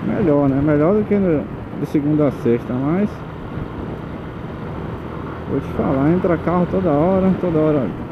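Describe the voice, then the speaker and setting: A man's voice: fairly high pitch, moderate pace, long pauses. A man gives a grumbling, swearing running commentary while riding a motorcycle at night. His voice comes through the gritty lo-fi sound of an old microphone hidden in his helmet. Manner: grumbling, swears about traffic. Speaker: motorcycle vlogger. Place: riding through city streets at night, outdoors. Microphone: old mic hidden in helmet. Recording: dull lo-fi helmet mic, loud traffic noise.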